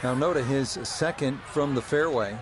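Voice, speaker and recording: A man acting as a golf commentator for a video game, composed and informative. His voice sits at a middle pitch, with clear outdoor ambience behind it. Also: normal speed, noisy background, lightly acted. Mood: composed, approving. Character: composed male lead golf broadcaster, measured and informative.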